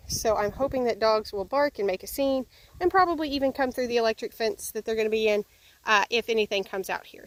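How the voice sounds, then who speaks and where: A woman's voice: on the high side, fairly bright tone. A woman vlogging outdoors at her chicken pen, explaining the work in a casual, chatty way with plenty of ums and uhs. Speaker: homesteading vlogger.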